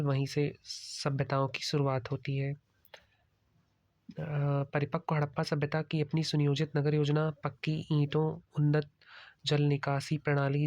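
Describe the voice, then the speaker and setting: A male exam-prep teacher explains slide by slide and drops English terms into his Hindi. His voice sits slightly high and barely moves in pitch. The recording is dry and close, with no room sound. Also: a little mellow, no room sound. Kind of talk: slide-based lecture.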